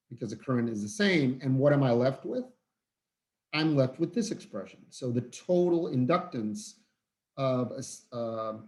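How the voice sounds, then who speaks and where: A weary male physics teacher records an online lecture. He speaks informally, stopping and restarting his sentences often and filling the gaps with "uh" and "um". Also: medium pitch. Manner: halting, many fillers and restarts, informal. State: tired, yawning.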